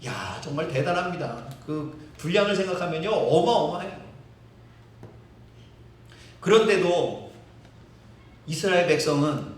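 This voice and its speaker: High-voiced preacher in echoing church. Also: male voice, unhurried, long pauses. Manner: lively storytelling, acting out quotes, chuckles. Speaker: pastor. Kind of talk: sermon. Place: church sanctuary. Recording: very echoey hall, distant mic.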